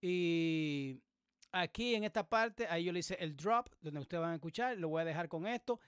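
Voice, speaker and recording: A man hosting a music production tutorial, explaining things casually with many pauses and fillers. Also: fairly high pitch, smooth, dry recording, studio quality. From Dominican Republic. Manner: relaxed, explanatory, many hesitations. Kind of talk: casual screen-recorded tutorial. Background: beat playing in the background.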